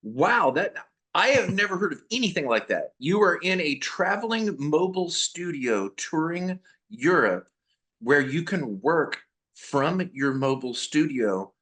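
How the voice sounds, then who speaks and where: A man's voice: fairly high pitch, sing-song, measured pace, a bit bright. A man hosting an interview, upbeat and chatty, with lots of short replies like "okay". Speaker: host.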